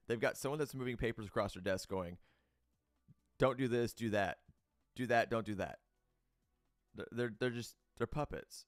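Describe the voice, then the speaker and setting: A man with a fairly low voice reads crypto news aloud as the host of his own show. Between passages he breaks into blunt, opinionated rants, talking loosely with fillers and restarts. The recording is dry and close, with no room sound. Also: no echo.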